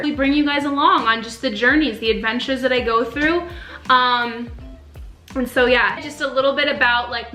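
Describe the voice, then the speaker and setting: A woman's voice: fairly high pitch, pushed and bright. A young woman born in Romania, earnestly chatting in a casual sit-down faith vlog, with many ums and likes. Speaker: faith vlogger. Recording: roomy echo with faint music.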